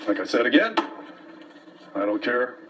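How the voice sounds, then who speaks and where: A man's voice: medium pitch, big pitch swings, moderate pace, a bit bright. Blunt man, distant mic. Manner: blunt, aggrieved, folksy. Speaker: host of a local commentary show. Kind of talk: opinionated monologue to viewers, partly read from papers. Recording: distant mic, faint background noise.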